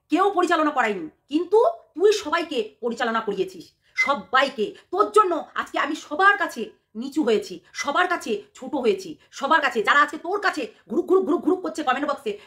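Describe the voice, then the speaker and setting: A woman's voice: high voice, a bit bright. A woman ranting angrily in a vlog, scolding and accusing someone with rhetorical questions. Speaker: YouTuber.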